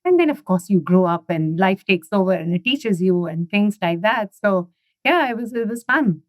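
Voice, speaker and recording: A woman's voice: mid-range voice, expressive, normal speed, dry recording. A middle-aged woman from India, chatting as a guest in an interview and leaning on "you know" and "right?". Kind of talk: casual interview conversation.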